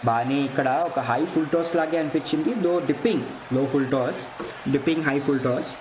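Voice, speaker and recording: A man with an Indian accent giving excited live play-by-play cricket commentary, switching between Telugu and English phrases. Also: on the high side, normal speed. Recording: roomy echo, clear background noise.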